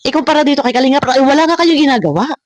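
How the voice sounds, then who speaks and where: A woman's voice: high-pitched, animated, racing, no echo. A woman hosting a reaction video, talking straight to her critics in a confrontational rant full of repeated words and rhetorical questions. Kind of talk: ranting reaction commentary.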